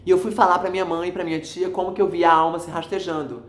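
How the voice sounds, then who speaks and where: A man's voice: high voice, flat delivery, quick pace. A man, a pastor giving a fervent, repetitive religious testimony and calling listeners his brothers. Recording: echoey room.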